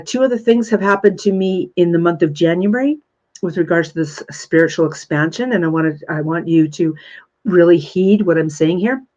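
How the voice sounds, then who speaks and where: With a lowish, gently mellow voice and high frequencies cut off, a woman in her thirties hosts a live session of spiritual questions and answers. Her manner is earnest and effusive, and she repeats phrases for emphasis.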